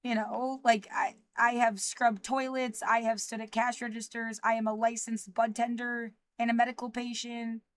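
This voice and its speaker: A woman in her thirties speaking in a livestreamed personal monologue, anxious and rambling, halting with frequent restarts. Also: a little high, flat delivery, dry recording. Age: 30s.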